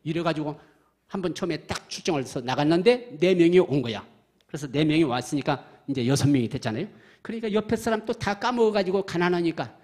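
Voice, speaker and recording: An older man, a church elder, giving a lively evangelism testimony in church, telling stories, acting out quoted dialogue and putting questions to the congregation. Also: a little high.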